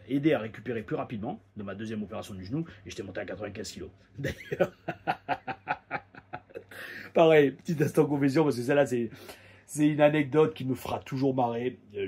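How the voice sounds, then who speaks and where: A man and former pro wrestler, chatting casually in an animated storytelling way as he reviews a show, often repeating words as he goes. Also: lowish voice, vocal fry, slight background noise. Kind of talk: casual anecdotal monologue.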